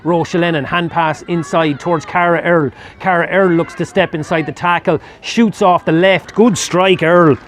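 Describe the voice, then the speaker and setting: A man's voice: fairly even intonation, moderate pace, few pauses, fairly bright tone. A man with an Irish accent giving live play-by-play commentary at a match, rising sharply when a score comes. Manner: rises sharply in pitch and volume at scoring chances.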